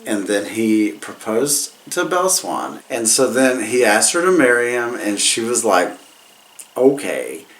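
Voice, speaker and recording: Tipsy, rambling man with swinging pitch. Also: big pitch swings, unhurried, few pauses, fairly bright tone, low-quality recording. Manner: repeats and loses his thread. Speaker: movie reviewer, host. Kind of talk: casual comedic plot recap.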